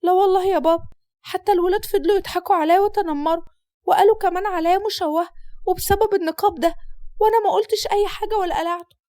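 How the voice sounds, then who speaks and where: A woman's voice: very high-pitched, steady tone, rapid-fire, warm tone, no room sound, voice pushed up. A woman voicing a timid young Egyptian schoolgirl with an Egyptian accent, pleading and fearful. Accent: Egyptian Arabic.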